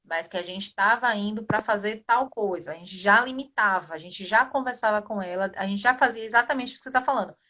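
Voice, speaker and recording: A woman in her thirties with a Brazilian Portuguese accent, hosting a live video chat in a quick, chatty way. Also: mid-range voice, pushed and bright. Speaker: live show host.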